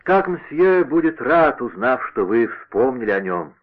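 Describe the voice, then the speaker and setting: A man's voice: mid-range voice, very animated, a little slow. A man voicing a fat, aging male servant who talks in a mournful, deferential way. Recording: narrow radio-like sound.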